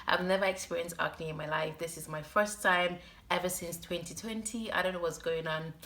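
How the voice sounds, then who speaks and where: A woman's voice: fairly low pitch, fairly even intonation, fairly quick, fairly bright tone. Young woman vlogger with a sore-throat voice. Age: young adult. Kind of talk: casual personal storytime to camera.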